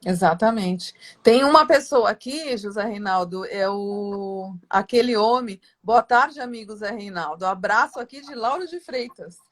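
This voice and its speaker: A woman's voice: medium pitch, a little slow, hardly any pauses. A woman from Santos, Brazil, hosting an interview in a chatty, rambling way, full of fillers and tag questions. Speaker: interview host. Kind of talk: casual interview chat.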